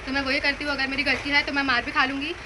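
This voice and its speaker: A young woman chatting casually in a family vlog, animated and laughing as she tells stories about her sisters. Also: high-pitched, very fast, background noise. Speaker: vlogger, eldest sister.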